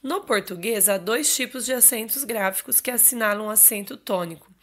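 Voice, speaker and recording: Female teacher voice for a recorded lesson, measured and explanatory, keeps checking that students follow. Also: on the high side. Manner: explanatory, checks in with frequent "ok?" and "certo?". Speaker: Portuguese teacher. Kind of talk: recorded online grammar lesson.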